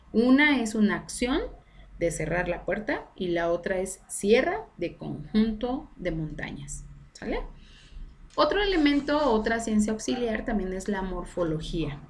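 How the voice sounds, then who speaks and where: Woman teacher explaining with tag questions. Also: medium pitch. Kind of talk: recorded online class lecture.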